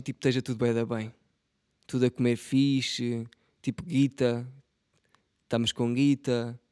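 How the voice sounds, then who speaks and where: A man's voice: mid-range voice, darkish tone, clean tone, no echo. Rambling young Portuguese man, dry sound. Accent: European Portuguese. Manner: rambling, self-mocking, slangy and profane. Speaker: podcast host. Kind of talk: casual solo podcast monologue.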